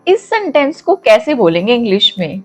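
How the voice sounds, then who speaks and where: Woman English teacher, higher-pitched, slow drilled phrases, light music bed under her. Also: sing-song, a little mellow. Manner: encouraging, addresses viewers directly. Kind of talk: spoken English lesson in Hindi.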